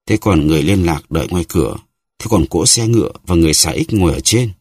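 A man's voice: low-pitched, lively intonation, fast, a little mellow, slightly rough, no room sound. A man voicing a jealous, reproachful lawyer's wife who pleads and sighs in a novel reading. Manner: pleading, sighing.

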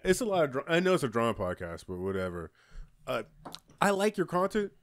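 A man's voice: mid-range voice, big pitch swings, fairly quick, dry recording. A man co-hosting a casual podcast chat, teasing and swearing often, speaking close to the mic. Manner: teasing, profane, laughs often. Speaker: podcast co-host. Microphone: studio mic, close.

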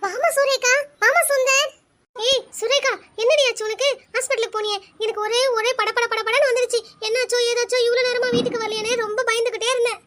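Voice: very high-pitched, fairly even intonation, fairly quick, very noisy. A performer voicing an anxious middle-aged mother-in-law in a cartoon, fussing and talking over everyone. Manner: worried, talks over others, fussing. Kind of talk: cartoon voice acting.

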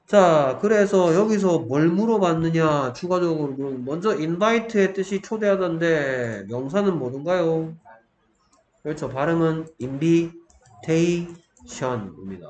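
A man's voice: a little high, a little mellow. A man teaching English grammar in a lecture, often stopping to check that students follow and answering his own questions. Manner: keeps checking in with students, asks and answers himself. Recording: echoey room, faint background noise.

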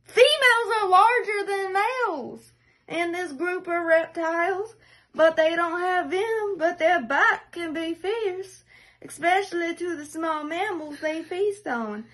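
Young woman, very high pitch, slow pace, playful put-on accent, halting read-aloud, phone recording at home. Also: fairly bright tone. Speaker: reader. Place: small room at home. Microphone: phone held at arm's length.

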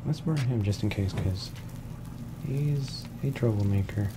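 In a clearly noisy recording made at home, a man with a lowish, slightly froggy voice talks unhurriedly through a let's play. The streamer sounds casual and laid-back, mostly muttering to himself as he games in his room.

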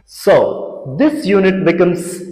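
A young man, a renovation company founder, walks through an empty apartment explaining planned changes in a measured, presenting way, on a lapel mic. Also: high-pitched, animated, a little mellow. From India. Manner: measured, explanatory, pointing out features. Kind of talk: scripted walkthrough presentation. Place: large empty apartment rooms, indoors. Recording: echoey empty rooms with background music.

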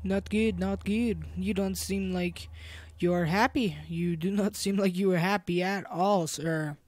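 A woman hosting a gaming video, giving rambling, excitable let's play commentary. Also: medium pitch, measured pace.

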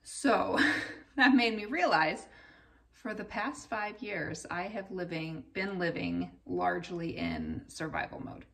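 A woman's voice: lowish voice, very animated, slow, gravelly, fairly bright tone, distant mic. A woman in her thirties chatting candidly to camera in her home kitchen, in a conversational, self-deprecating way. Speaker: vlogger, mother. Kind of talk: casual chat to camera. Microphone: camera a little way off.

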